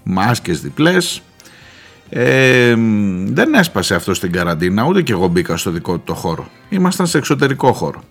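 A man hosts a radio commentary show, telling a wry anecdote in a very animated way. His voice is gravelly and swoops up and down. Faint music runs in the background of the studio mic. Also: lowish voice. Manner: animated, wry, mimics the people he quotes.

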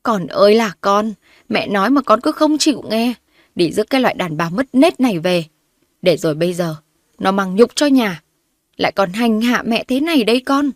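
A woman narrator voicing a spiteful, scheming older mother-in-law who scolds and insults loudly. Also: medium pitch, animated, normal speed, no room sound, clean studio sound, natural voice. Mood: wailing.

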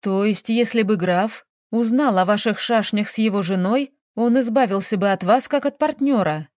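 A woman voicing a composed female detective who speaks calmly, firmly and with a touch of irony. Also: mid-range voice, normal speed, no room sound, clean studio sound, natural voice. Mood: probing. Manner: calm, firm, slightly ironic.

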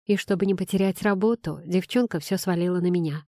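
A woman reading a first-person novel aloud, in a steady, measured way. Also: on the low side, no room sound, clean studio sound. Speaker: audiobook reader. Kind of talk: first-person audiobook narration.

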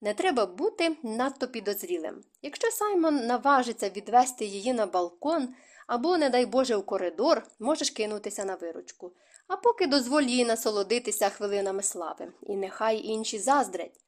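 A woman voicing a fond, scheming society mother who teases and gently scolds her grown son. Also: fairly high pitch, animated, a little fast, natural voice.

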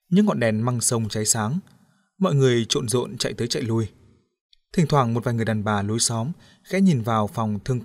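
A man narrating an audiobook story in a steady, even storytelling manner. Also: medium pitch.

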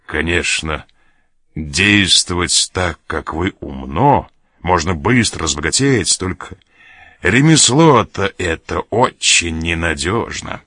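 A man's voice: on the low side, very animated, unhurried, fairly bright tone, no room sound, studio quality, full character voice. A man reading aloud as a sly sailor who mocks and threatens an officer. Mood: mocking. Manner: mocking, laughs at threats. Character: sly mocking sailor, blackmailing a major.

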